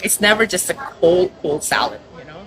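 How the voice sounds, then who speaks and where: A woman from Indonesia, a restaurant owner chatting casually in an interview, lively and quick to laugh. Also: on the low side, poor audio. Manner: lively, laughs often, acts out quoted customers.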